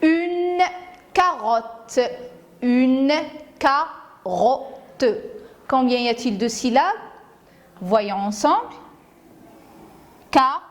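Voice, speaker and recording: A woman's voice: high-pitched, expressive, drawn-out words, long pauses. A woman teacher gives a phonics lesson to young children. She says each word carefully, repeats it, and breaks it into syllables. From Morocco. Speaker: primary school teacher.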